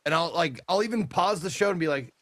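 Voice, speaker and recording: Man, podcast guest, joking, swears freely, higher voice, dry sound. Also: animated, fast, fairly bright tone, no echo. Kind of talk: casual podcast chat.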